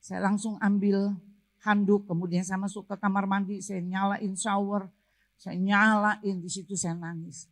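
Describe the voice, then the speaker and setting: A woman's voice: mid-range voice, level tone, measured pace. A middle-aged woman pastor preaching a sermon with a personal testimony, moving from storytelling to fervent exhortation. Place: church service.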